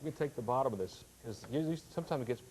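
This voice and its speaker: Home shopping host, man with lively pitch. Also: racing, a little hiss or hum, poor audio. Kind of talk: live home shopping sales presentation. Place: TV studio demonstration set.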